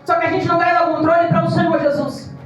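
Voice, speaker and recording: Woman pastor, passionate sermon, distant mic in a reverberant church, soft music under. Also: very high-pitched, little pitch movement, very fast, lo-fi sound. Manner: impassioned, mimics congregants in quoted voices. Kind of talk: evangelical sermon. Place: church hall. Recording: echoey church hall from far off.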